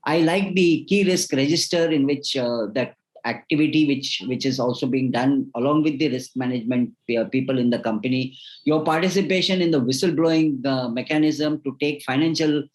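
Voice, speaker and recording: A man's voice: mid-range voice, normal speed, rough recording. A man, a host giving formal, effusive closing remarks with frequent restarts. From India.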